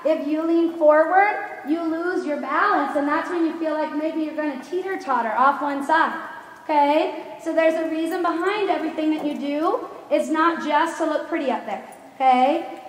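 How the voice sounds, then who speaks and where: A woman riding instructor coaching a live lesson with brisk, projected commands, firm and instructive, often checking understanding with questions. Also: high-pitched. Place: large echoey riding arena. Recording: echoey hall, distant mic, background noise.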